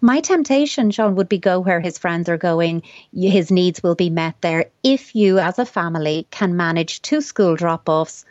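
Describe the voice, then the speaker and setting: A woman with a lowish voice gives advice on the radio in long, flowing, reflective stretches. Her voice comes through a slightly dull studio microphone. The sound is dry, with no room echo. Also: lively intonation, moderate pace, hardly any pauses, darkish tone. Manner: long, flowing, thoughtful explanations. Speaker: child psychotherapist guest.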